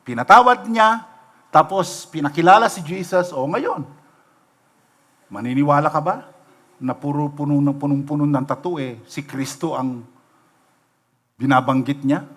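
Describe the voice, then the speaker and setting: Middle-aged Filipino pastor, sermon delivery, fairly high pitch, conversational and questioning. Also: male voice, animated, normal speed, long pauses, fairly bright tone. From Philippines. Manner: storytelling, rhetorical questions, mixing in English. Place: church sanctuary, livestream.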